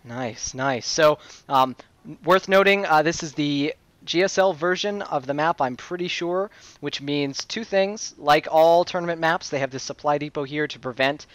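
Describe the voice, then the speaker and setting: A man's voice: a little high, normal speed, a bit bright, no room sound. Chatty young-sounding male game caster. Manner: casual, chatty, uses many fillers. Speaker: esports caster. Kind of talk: play-by-play game commentary.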